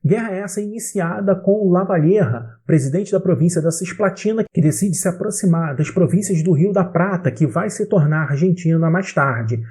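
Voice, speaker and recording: A Brazilian man teaching an exam-prep history lesson, explaining clearly and speaking directly to the student. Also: high voice, animated, moderate pace, hardly any pauses, darkish tone. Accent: Brazilian Portuguese.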